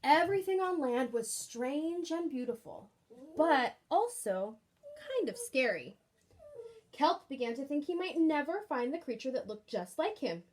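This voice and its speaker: A woman reading a children's picture book aloud expressively, pausing to put questions and asides to young listeners. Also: sits high. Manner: animated, engaging with questions.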